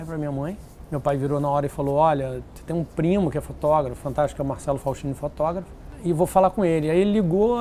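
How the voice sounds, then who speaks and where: A man telling stories in an interview, lively and acting out what others said. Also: on the high side, a little hiss or hum. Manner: animated, acts out quoted voices. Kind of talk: casual storytelling interview.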